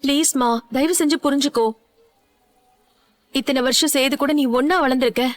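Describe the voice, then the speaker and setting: This is an earnest older aunt from a dubbed TV serial, voiced by a woman. She coaxes and urges in a high voice. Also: steady tone, normal speed, natural voice. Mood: coaxing. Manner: coaxing, earnest. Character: persuasive older aunt, urging her niece.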